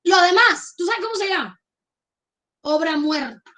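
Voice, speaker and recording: A woman's voice: very high-pitched, lively intonation, measured pace, sharp tone. A middle-aged woman pastor from Colombia with a Caribbean Colombian accent, preaching a fervent sermon and calling for amens. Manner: fervent, emphatic preaching with repeated calls for amen.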